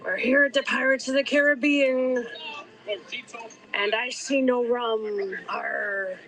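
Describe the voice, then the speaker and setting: A woman's voice: fairly high pitch, takes it slowly, a bit bright, rough recording. Woman doing a playful pirate growl. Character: swaggering adult male pirate greeting his crew.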